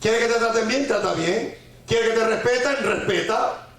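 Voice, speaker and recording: A man with a fairly high voice teaching a sermon on the weekly Torah portion. He keeps asking rhetorical questions and repeating lines for emphasis, dropping in Hebrew terms and folk sayings. The recording rings with heavy echo from the room. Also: normal speed, fairly bright tone. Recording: very echoey room.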